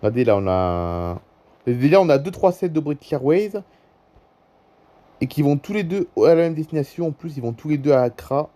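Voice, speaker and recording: With a French accent and a slightly high, sing-song, mellow voice at normal speed, a YouTuber casually narrates a flight-tracking app. He ad-libs, repeats phrases, and keeps nudging viewers to look.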